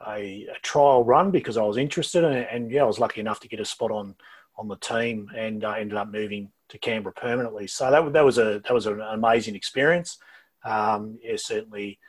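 A middle-aged Australian man answers interview questions over a low-quality video call. His voice is husky and sits fairly low. He talks in a halting, casual way, often repeating words before carrying on. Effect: low-quality video call audio. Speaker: interview guest.

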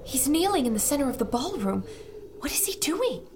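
A woman's voice: high voice, very animated, fairly quick, noisy background. A woman playing a watchful young adventurer who calls out what she sees. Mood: alert.

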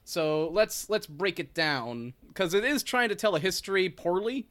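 Mid-pitched wry podcast co-host. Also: animated, normal speed, a bit bright. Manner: wry, digressive, swears casually. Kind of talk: casual chat.

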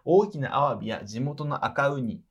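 A man's voice: medium pitch, expressive, normal speed, slightly rough. Playful man reading a letter aloud. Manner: teasing, playful, laughs readily. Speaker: podcast co-host reading a listener letter.

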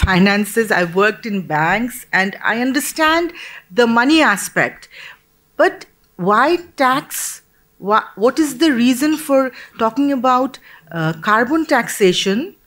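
This panelist, a woman from Bangladesh, has a fairly bright, higher-pitched voice. She talks in an earnest, measured way during the discussion, with frequent pauses and restarts.

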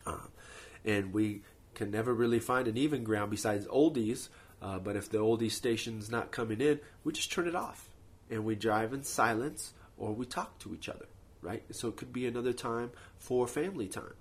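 A man's voice: medium pitch, moderate pace, husky. A man hosting a podcast, talking off the cuff with practical, motivational advice and frequent rhetorical check-ins. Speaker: host of a productivity podcast. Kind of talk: casual advice monologue, speaking off the cuff.

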